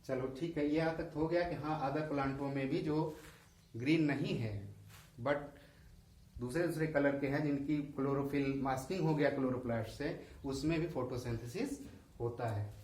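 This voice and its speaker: With a Hindi accent, a male school science teacher explains diagrams in a classroom lesson, asking and answering his own questions. He speaks at normal speed in a medium-pitched, slightly mellow voice, heard in an echoey room somewhat distant from the mic.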